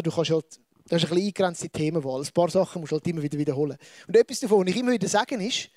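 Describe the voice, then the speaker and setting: A man preaching with a Swiss German accent, lively and conversational, turning to the audience with asides. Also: high-pitched, no room sound, studio quality. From Switzerland. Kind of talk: sermon.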